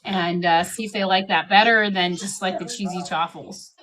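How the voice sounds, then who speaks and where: A woman's voice: fairly low pitch, steady tone, moderate pace, crowd noise, low-quality recording. A middle-aged woman chats casually to camera while eating a steak dinner, rambling along and often quoting herself as she goes. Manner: chatty, rambling, self-quoting. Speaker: vlogger.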